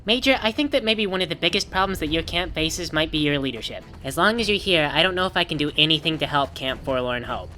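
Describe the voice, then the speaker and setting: A woman's voice: low voice, expressive, fast talker, hardly any pauses, pushed and bright, faint music behind. A woman hosting a rambling video game commentary in a wry, sarcastic manner. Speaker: gaming video host.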